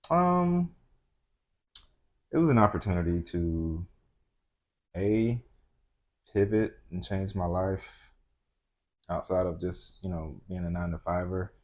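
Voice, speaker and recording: A man's voice: low-pitched, animated, slow, long pauses, a little mellow. A man from Atlanta, a guest on an interview show, talking in a laid-back way full of "um" and "you know". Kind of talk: casual interview chat.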